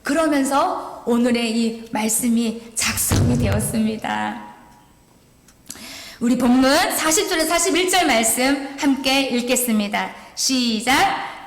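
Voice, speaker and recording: A woman evangelist preaches an emotional, pleading sermon in a church sanctuary, her voice a little high and unhurried. She sounds earnest, her intensity rising and falling, and the hall is echoey with long reverb.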